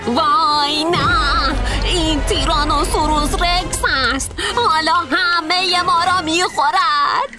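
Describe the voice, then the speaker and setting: A woman's voice: very high voice, fairly even intonation, hardly any pauses, loud music behind the voice. A woman voicing a frightened baby dinosaur crying out in alarm in a storybook reading. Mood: panicked. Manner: cries out in alarm.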